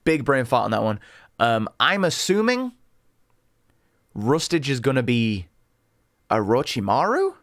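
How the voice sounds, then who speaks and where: A man hosting a music reaction video, talking casually and excitedly, often tripping over his words as he rambles. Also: mid-range voice, measured pace, pauses often, no room sound. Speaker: reaction channel host.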